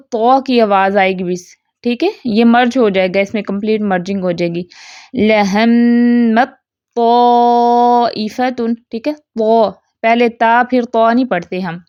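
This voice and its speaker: A woman teaching a Quran recitation lesson in speech, explaining rules patiently and reciting examples slowly. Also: fairly high pitch, darkish tone, no room sound. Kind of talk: online tajweed lesson. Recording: dry, slightly dull lo-fi recording.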